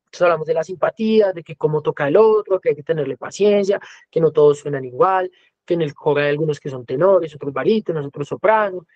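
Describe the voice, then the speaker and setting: His voice is on the high side and his pace quick as this Colombian-accented man, a music teacher and guest speaker, gives a conversational educational lecture. He often acts out quoted voices. The recording is dry and the audio dull.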